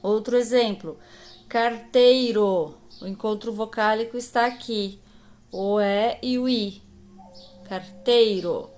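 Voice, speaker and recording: Brazilian woman teacher for a kids' lesson, slow and patient, a touch high. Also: darkish tone. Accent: Brazilian Portuguese. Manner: slow, patient, stretches out example words. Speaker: primary school teacher. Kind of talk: recorded grammar lesson.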